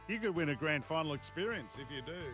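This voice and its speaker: Higher-pitched Australian sports radio host, male. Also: lively intonation, normal speed, music in the background. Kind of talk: casual sports radio hosting.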